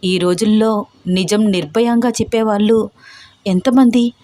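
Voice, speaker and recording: A woman voicing a headstrong young female student who talks in an irritated, sharp way. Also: mid-range voice, fairly even intonation, a little slow, lightly acted.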